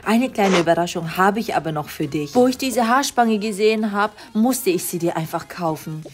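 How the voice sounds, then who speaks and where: A woman voicing a caring, gentle father in an animated story, speaking softly and reassuringly. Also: medium pitch, moderate pace, noisy background, lightly acted.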